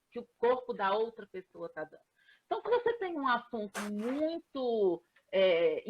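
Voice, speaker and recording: A woman, a coach explaining ideas in a live online chat, often pausing on filler sounds. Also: fairly high pitch, dull audio. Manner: explanatory, with frequent hesitation fillers. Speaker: professional coach, guest. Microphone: video call.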